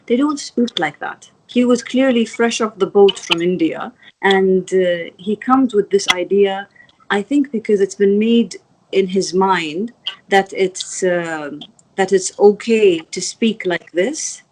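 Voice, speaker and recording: Emirati woman guest, earnest and halting, often restarting. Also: mid-range voice, a little mellow, a little hiss or hum, poor audio. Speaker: interview guest. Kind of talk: video interview.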